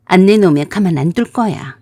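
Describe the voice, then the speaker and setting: A woman voicing a furious, sharp-tongued older sister who shouts and curses. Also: on the low side, expressive, brisk, dry recording, studio quality. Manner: shouting, cursing.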